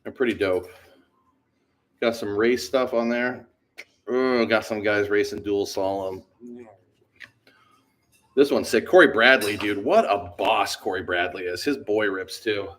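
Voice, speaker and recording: A man's voice: fairly low pitch, unhurried, long pauses, a bit bright, slight background noise. A man who owns a bike shop, chatting casually with viewers on a livestream while he works, rambling and slangy with lots of fillers. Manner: laid-back, rambling, slangy with many fillers. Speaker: BMX shop owner hosting a livestream.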